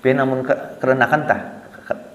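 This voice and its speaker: Lively Banjar-accented preacher in echoey hall. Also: male voice, medium pitch, brisk, lo-fi sound. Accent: Banjar Malay. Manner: lively, acts out quotes, asks listeners questions. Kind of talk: casual sermon storytelling. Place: small prayer hall. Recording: echoey prayer hall with long reverb.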